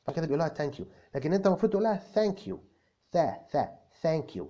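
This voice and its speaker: A cocky young male tutor, played by a man, rattles off English examples at speed in an Egyptian Arabic accent, tripping on quick restarts. His voice is dark and mellow. The recording sounds dull and lo-fi. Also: on the high side, animated. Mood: breezy, explaining. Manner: stammering restarts, explains with repeated examples. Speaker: English tutor answering viewer comments. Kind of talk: comic video lesson.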